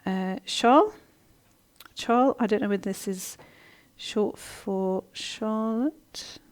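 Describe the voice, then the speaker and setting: Woman doing a live coaching stream, chatty, lots of ums, mid pitch. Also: slow. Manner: chatty, warm-hearted, many ums and restarts. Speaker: host of a live coaching session. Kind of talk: live stream, reading viewer comments and answering.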